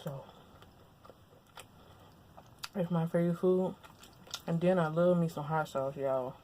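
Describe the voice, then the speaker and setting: Mukbang host: young woman from Louisiana, lapel mic at home, mellow lowish voice, relaxed chatter between bites. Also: normal speed, a little hiss or hum. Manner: relaxed, chatty, talks with mouth full. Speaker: mukbang vlogger. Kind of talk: casual chat while eating. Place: at home, indoors.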